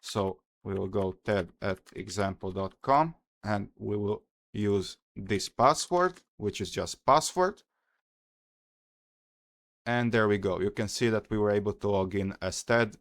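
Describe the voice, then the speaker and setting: A young Croatian man with a low voice explains a hacking walkthrough step by step. He speaks in a careful, methodical way with frequent small pauses. The recording is close and dry. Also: no echo. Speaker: security tutorial host. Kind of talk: screen-recorded hacking tutorial.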